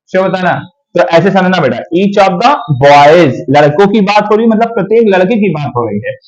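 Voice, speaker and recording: A man's voice: sits high, muffled recording. Coaxing man teaching English grammar. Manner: coaxing, keeps checking if students understood; calls students beta, slows to dictate sentences. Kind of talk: classroom grammar lesson.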